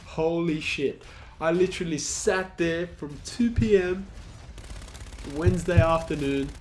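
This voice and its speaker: A young man with a congested, flu-stuffed voice gives a casual vlog update to his viewers. He talks in animated, slangy bursts, swears freely and keeps calling people man, pitched a little high for a man. A faint hiss of room noise sits behind him. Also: measured pace. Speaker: gaming YouTuber.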